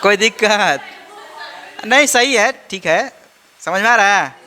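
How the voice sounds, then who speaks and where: Indian chem teacher guy, high bright voice, keeps asking "got it?", teases the class a bit. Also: expressive, a little slow, a faint crowd. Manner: drills students with repeated questions; teasing, scolds playfully. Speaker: chemistry teacher. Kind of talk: classroom lecture.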